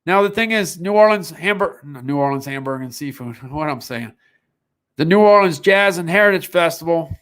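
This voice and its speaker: A man's voice: on the high side, lively intonation, normal speed, fairly bright tone. A man hosting a live sales stream, talking casually in a rambling way with restarts. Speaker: online sales show host.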